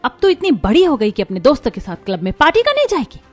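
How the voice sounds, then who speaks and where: A woman's voice: high-pitched, wildly swooping pitch, fast, faint music behind, heavily acted. A woman voicing a strict but caring middle-aged mother-in-law in a cartoon, with a commanding, scolding manner.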